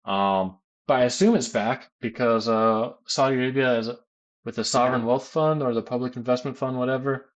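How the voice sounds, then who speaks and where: Man, american, casual stream chat, rambling, filler words, middle pitch. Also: steady tone, normal speed. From United States. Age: adult, works as a teacher. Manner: rambling, many fillers and restarts. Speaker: gaming streamer answering chat questions.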